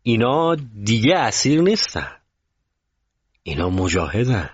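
Male narrator plays a passionate male commander, loud and commanding, on a dry, muffled storybook recording. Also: fairly low pitch, sing-song, slightly rough, no room sound, voice pushed up. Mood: firm. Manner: raised commanding voice. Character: stern male commander, passionate, shouting orders.

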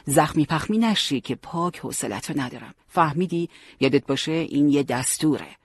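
A man voicing a teasing but caring young male fighter who leads his friends, with a husky voice. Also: on the high side, expressive, no echo. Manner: joking, bossy yet warm.

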